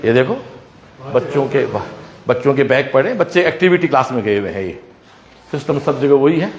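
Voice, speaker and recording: In this live walkthrough vlog, a man who founded a coaching center and school talks to the camera and students as he moves through corridors and classrooms. His mid-range voice is brisk with lively intonation, though the recording is muffled.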